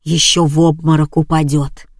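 A woman voicing a stout, tactless old woman neighbour who talks loudly and bluntly. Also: sits low, flat delivery, moderate pace, no echo, clean studio sound, voice pushed down. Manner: loud, blunt and gossipy.

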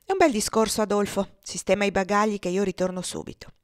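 A woman voicing a careless, mocking gentleman master who talks in an offhand, teasing way, in a storybook reading. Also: mid-range voice, fairly even intonation, fast, dry recording, studio quality, lightly acted.

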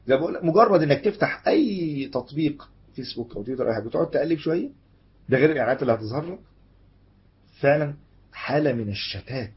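A man's voice: mid-range voice, slightly rough. A middle-aged man preaching in Egyptian Arabic, conversational, acting out everyday exchanges with the audience. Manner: conversational, acts out everyday dialogues. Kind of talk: Egyptian Arabic religious lecture. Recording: dull lo-fi lecture recording.

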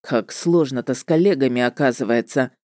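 A woman's voice: extremely low pitch, normal speed, no echo, studio quality. A woman voicing a brash, businesslike young male witcher who talks in a curt, offhand, mildly mocking way, in an audiobook reading.

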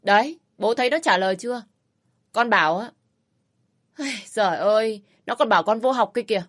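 Woman voicing bullying sister-in-law, spiteful, shrill high voice, insulting, sneering. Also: normal speed, close to an everyday voice. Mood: spiteful yelling.

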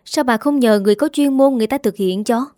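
A woman's voice: a little high, quick pace, dark tone, no echo, studio quality, close to an everyday voice. A woman reading a storybook part of a stern older father who scolds curtly. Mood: cold. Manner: scolding, curt.

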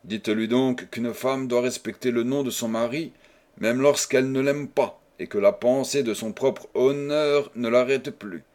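A man's voice: mid-range voice, unhurried, darkish tone, close to an everyday voice. Proud desperate husband pleading hard, read by a man, audiobook voice. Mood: enraged. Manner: fervent, imploring.

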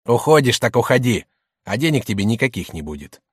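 Audiobook: man as a blustering middle-aged shopkeeper, gruff and bullying. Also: medium pitch, sing-song, fairly quick, no echo, studio quality. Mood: angry. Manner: gruff, by turns placating and bullying.

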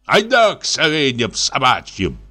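A man voicing a drunken, swaggering masked man who mocks everyone and laughs loudly. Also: medium pitch, huge pitch swings, slow, husky, faint music behind, voice pushed up, full character voice. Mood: jeering swagger. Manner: boisterous, mocking, laughs loudly.

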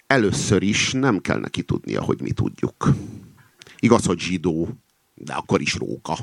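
A man voicing an anxious, conspiratorial male rooster in a fable reading, often hushed and whispering. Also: low-pitched, huge pitch swings, vocal fry, dry recording, exaggerated voice. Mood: earnest. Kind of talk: acted reading of a satirical fable.

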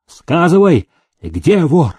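A man voicing a stern army major who shouts at his prisoners. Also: on the high side, very animated, takes it slowly, slightly rough, dry recording, pitched above the performer's own voice, heavily acted. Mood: angry. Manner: barking, harsh.

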